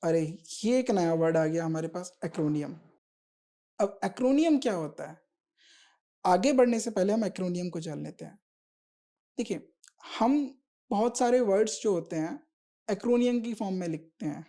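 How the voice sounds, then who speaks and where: A woman's voice: mid-range voice, animated, a little slow, long pauses, warm tone. A woman teacher giving an exam-prep grammar lesson, explaining patiently step by step and often checking with the class.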